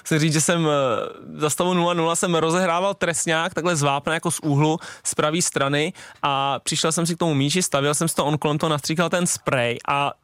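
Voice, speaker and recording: A young man chats on a radio talk show about his football days, slipping into other voices as he retells arguments with referees. His voice sits fairly high. The studio sound is dry and close, with no room echo. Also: few pauses, smooth. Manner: animated storyteller, acts out referees' lines. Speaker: footballer and podcast co-host. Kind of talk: casual chat.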